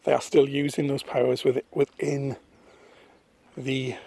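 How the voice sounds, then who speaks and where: A man talking into his phone on a misty countryside walk, thoughtful and rambling, pausing often. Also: mid-range voice, little pitch movement, mellow. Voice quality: husky. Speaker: vlogger. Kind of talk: casual walking vlog monologue. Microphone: phone held at arm's length.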